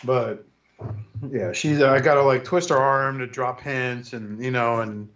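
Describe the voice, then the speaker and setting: A man of middle pitch co-hosting a casual podcast. He jokes around and swears freely. The recording sounds a little dull and lo-fi. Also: a little slow, a bit bright. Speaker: podcast co-host. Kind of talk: casual chat.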